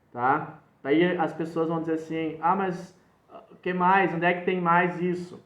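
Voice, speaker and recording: A man's voice: fairly high pitch, reverberant, muffled recording. A male pastor, preaching emphatically and quoting scripture verse by verse. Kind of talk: sermon.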